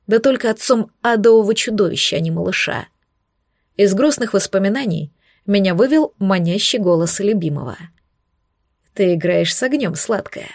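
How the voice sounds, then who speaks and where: A woman's voice: mid-range voice, darkish tone, no echo, clean studio sound. A woman narrating a romance novel in the first person, in a sensual, intimate reading. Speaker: audiobook narrator.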